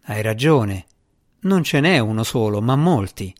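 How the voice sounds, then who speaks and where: A determined young woman, stern and pressing, who gives orders without softening, as a male audiobook reader puts her on. The voice stays mid-pitched and close to his own. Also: animated, unhurried, natural voice. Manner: firm, pressing delivery. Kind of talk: audiobook character reading.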